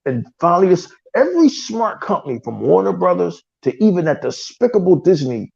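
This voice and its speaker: Gravelly man ranting on a gaming podcast. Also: sits high, big pitch swings, a little fast, a little mellow, highs cut off. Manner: heated, ranting, mocking impressions. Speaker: podcast co-host. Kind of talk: casual profane gaming talk.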